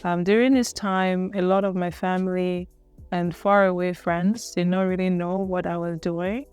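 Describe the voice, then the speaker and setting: A woman's voice: lowish voice, fairly even intonation, moderate pace, a little mellow, smooth, faint music behind. A young woman from Cameroon telling her own college story in a casual, earnest, reflective way, often musing and correcting herself. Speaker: vlogger.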